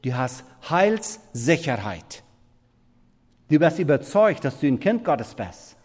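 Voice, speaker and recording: A man preaching a sermon in halting, non-standard German, swinging between loud emphatic scripture reading and quiet murmured asides. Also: on the high side, sing-song. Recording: long reverb of a big hall.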